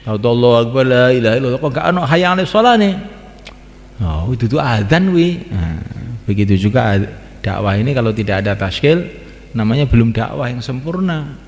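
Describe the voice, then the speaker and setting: The Islamic sermon comes from a man whose mid-range voice moves a little fast with lively intonation. He keeps repeating phrases and breaks into sing-song chants of the call to prayer, and the hall he's in is reverberant.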